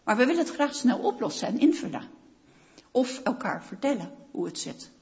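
A woman's voice: on the high side, sing-song, moderate pace, darkish tone. A woman preaching a sermon, speaking emphatically and repeating phrases for effect. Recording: dull lo-fi sound with long hall reverb.

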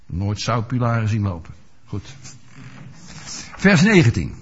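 A man's voice: on the low side, very animated, a little slow, husky. A male preacher giving a sermon, asking his listeners rhetorical questions and explaining scripture with everyday examples. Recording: dull lo-fi recording.

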